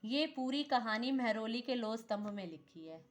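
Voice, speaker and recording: Soft music plays behind a woman whose slightly high, animated voice moves at a moderate pace as she teaches an exam-prep history class. She asks and answers her own questions, repeats important names, and keeps saying "theek hai" while making minor self-corrections.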